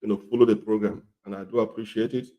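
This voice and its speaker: Male health presenter, coarse gravelly voice thick with a cold, very dark tone, repetitive and emphatic instructional delivery. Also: on the low side, flat delivery, fast, poor audio. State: congested and hoarse with a cold. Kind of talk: instructional talk to viewers.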